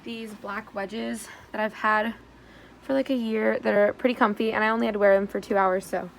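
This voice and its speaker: A young American woman chatting casually in a vlog with bubbly sorority-girl energy, her voice hoarse as if she is losing it. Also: mid-range voice, fairly even intonation, moderate pace, a little hiss or hum, poor audio. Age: young adult. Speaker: vlogger.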